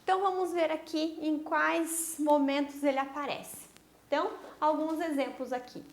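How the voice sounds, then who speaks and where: A woman's voice: high-pitched, fairly even intonation, normal speed. A woman teacher giving a recorded online grammar lesson to young pupils, explaining step by step and checking in with short tag questions. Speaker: primary school teacher.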